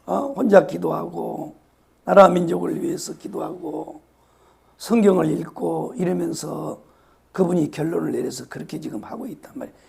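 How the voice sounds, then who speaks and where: A hoarse man, preaching a sermon and repeating his phrases with emphasis, sometimes dropping to a whisper. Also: on the high side, moderate pace, darkish tone. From South Korea, Yeosu-Suncheon area. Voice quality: raspy. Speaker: pastor.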